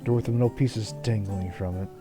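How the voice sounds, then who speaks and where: A man voicing a blunt, reluctant woman who answers in a clipped, low way. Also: steady tone, fairly quick, over music, lightly acted. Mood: curt.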